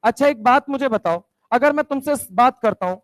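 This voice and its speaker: High-voiced man drilling a chemistry class. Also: expressive, a little fast, no echo. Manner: drills students with repeated questions. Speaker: chemistry teacher. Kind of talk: classroom lecture.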